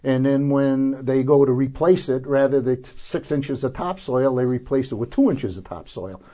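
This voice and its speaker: An older man with a soft-edged, mellow voice explains practical gardening in an informal interview. He sits at a middling pitch for a man and speaks haltingly, often hunting for the right word. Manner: halting, searching for words.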